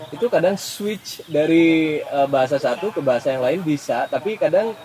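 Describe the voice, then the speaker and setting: A man's voice: on the high side, animated, moderate pace, darkish tone. A man hosting a casual interview, attentive and summing up his guest's points for the audience. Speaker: host.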